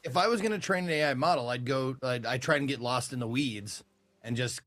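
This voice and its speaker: A man's voice: medium pitch, brisk, fairly bright tone, no echo. A man in casual podcast chat who jokes and swears freely.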